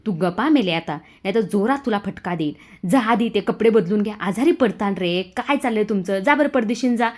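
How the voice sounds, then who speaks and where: A woman voicing a fussy, protective middle-aged mother-in-law who scolds with rapid questions. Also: medium pitch, lively intonation, close to an everyday voice. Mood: scolding.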